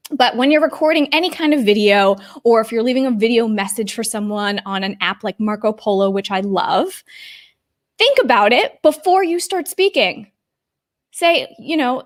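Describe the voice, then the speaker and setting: Woman, 30s, slightly raised pitch; emphatic, friendly coach speaking straight to camera. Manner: upbeat, chatty, emphatic. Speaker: video coach. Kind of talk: direct-to-camera tips video.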